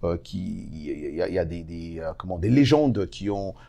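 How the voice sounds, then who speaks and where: Lively low-voiced man. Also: normal speed, vocal fry. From Democratic Republic of the Congo. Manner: hesitant fillers, laughs while recounting anecdotes. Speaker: guest journalist. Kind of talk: casual interview chat, animated storytelling.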